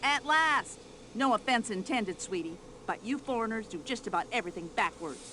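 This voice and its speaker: A brash older American widow. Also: female voice, fairly high pitch, animated, normal speed, a little hiss or hum. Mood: huffy. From United States. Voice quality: loud, sharp-tongued and complaining. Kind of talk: video game voice acting.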